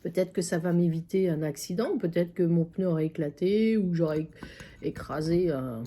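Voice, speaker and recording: With a mellow, lowish voice at a moderate pace, this woman, a psychic medium, chats through a story in a casual vlog. She's at a friend's country house, and her talk is peppered with fillers and repetitions.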